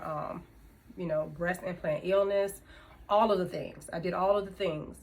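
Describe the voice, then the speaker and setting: A woman's voice: fairly low pitch, slight background noise. A woman in her fifties chatting casually to camera as a vlogger, laughing often between thoughts. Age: 50s. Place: indoors, room with music she turned off.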